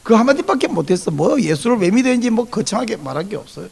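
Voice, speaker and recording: Animated gravelly-voiced male pastor preaching. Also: high-pitched, quick pace. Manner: animated storytelling, acts out dialogue in varied voices. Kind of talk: Sunday sermon.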